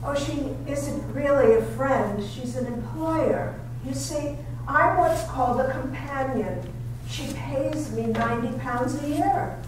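A woman's voice: high-pitched, slow pace. A woman playing a timid, polite young lady's companion in a 1930s style radio drama. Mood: shy, polite. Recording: very echoey hall, distant, noisy.

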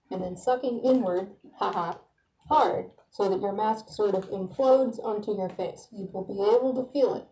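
A woman's voice: mid-range voice, mellow, echoey room, slight background noise, low-quality recording. A woman giving a casual how-to demonstration while speaking through a gas mask, chatty and plainspoken. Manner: chatty, plainspoken, laughs at herself.

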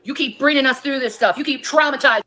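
In a played clip, a livestreamer rants angrily, her high voice fast and sharp. She's heated, profane and confrontational, speaking directly to her critics.

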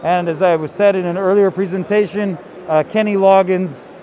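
A man's voice: high-pitched, fairly even intonation, normal speed, dark tone, lo-fi sound. Man, enthusiastic product rep, casual demo, fillers, convention booth. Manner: enthusiastic, loose, filler-heavy. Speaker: company representative.

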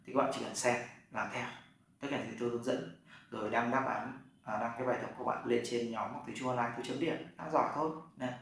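Man, Chinese teacher, direct to learners, fast talker, distant mic. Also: medium pitch, fairly even intonation, gravelly, a bit bright. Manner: direct, talks straight to learners. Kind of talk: online lesson explanation. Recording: very echoey room, mic far off, faint background noise.

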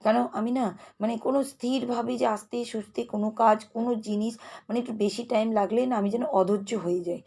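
A woman's voice: a little high, steady tone, dark tone, husky. A woman vlogging casually at home about her chores, chatty and restless. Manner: fast, chatty, restless talker. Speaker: lifestyle vlogger. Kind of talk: casual vlog narration. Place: home kitchen.

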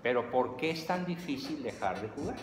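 Animated Mexican man lecturing. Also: medium pitch, moderate pace. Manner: animated, humorous, acts out scenes. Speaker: lecturer on psychology. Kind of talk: lively lecture with acted examples. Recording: echoey hall, faint noise.

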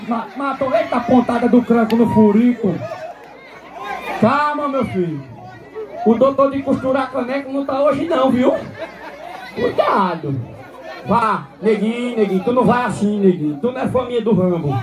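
A man announcing a live rodeo, shouting, joking and egging on the crowd outdoors. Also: very high voice, animated, moderate pace. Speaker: event announcer. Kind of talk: live bullfight-style rodeo commentary. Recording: loud crowd and music outdoors.

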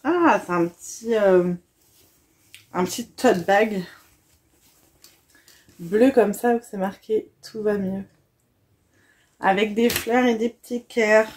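A woman's voice: mid-range voice, slow pace, pauses often, darkish tone, breathy edge. A young woman, gushing and chatting casually as she unboxes a gift box for her viewers.

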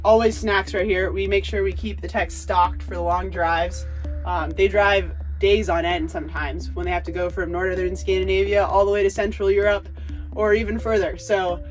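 A woman's voice: medium pitch, fairly even intonation, moderate pace, far from the mic. An upbeat young woman chats enthusiastically as she walks through a space, filming on a handheld phone. She sits a little away from the mic, and faint music plays underneath. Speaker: athlete giving a tour. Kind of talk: casual tour vlog. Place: ski service truck and apartment, indoors. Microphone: handheld phone camera.

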